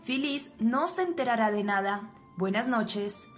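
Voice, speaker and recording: A woman reading the lines of a cold, threatening male police officer in a flat voice. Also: on the high side, unhurried, soft background music.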